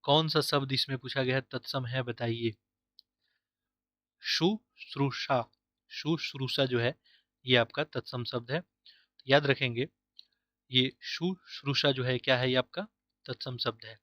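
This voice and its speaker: A man's voice: medium pitch, fairly even intonation, measured pace, long pauses, bright, forceful tone, no room sound, studio quality. A man teaching Hindi for an exam, asking himself questions and repeating each answer to drill it in. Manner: uses English words like "easily", "correct", "option" inside Hindi. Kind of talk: online exam-prep lesson.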